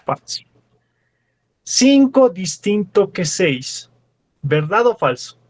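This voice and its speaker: A man's voice: sits high, big pitch swings, takes it slowly, dry recording. A young man with a Bolivian Spanish accent, a teaching assistant working through problems step by step in class and quizzing his students. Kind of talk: classroom lecture.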